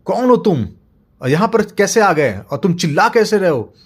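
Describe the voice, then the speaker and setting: A man's voice: high-pitched, very animated, moderate pace, slightly rough, voice pushed up, heavily acted. A man voicing a huge demon who questions and mocks a small intruder. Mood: questioning. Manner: mocking, questioning. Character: huge mocking demon in a hill fort.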